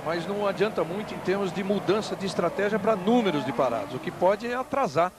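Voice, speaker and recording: Brazilian male motorsport commentator, fairly high voice. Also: expressive, fast talker. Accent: Brazilian Portuguese. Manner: conversational, explanatory. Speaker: motorsport commentator, technical analyst. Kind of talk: live motor racing analysis. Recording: clear engine and track noise behind. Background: race cars and outdoor ambience.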